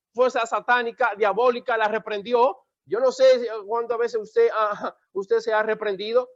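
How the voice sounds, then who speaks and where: A man's voice: very high voice, dry recording, lo-fi sound. A man preaching a sermon as pastor, emphatic and repetitive, calling on listeners to repeat after him. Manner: emphatic preaching with repeated calls for the congregation to answer.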